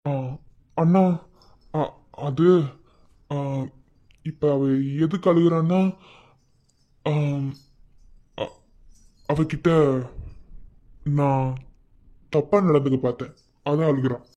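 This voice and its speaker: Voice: mid-range voice, fairly even intonation, a little slow, pauses often, mellow, breathy edge, highs cut off. A performer voicing a nervous young man in a cartoon, who hesitates and stammers before he speaks. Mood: hesitant. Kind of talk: cartoon voice acting.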